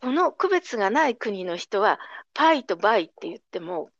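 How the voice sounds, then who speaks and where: A woman's voice: medium pitch, moderate pace, no room sound. Middle-aged woman explaining pronunciation, voice jumps up and down a lot, dull dry lo-fi sound. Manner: patient, explanatory, lively intonation. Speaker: language teacher. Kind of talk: explaining pronunciation in a casual conversation.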